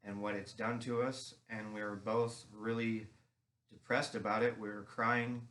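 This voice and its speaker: A man giving personal testimony as conversational storytelling, earnest and somewhat halting as he recounts it. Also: fairly low pitch, little pitch movement, fairly bright tone, slight background noise. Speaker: guest sharing recovery testimony.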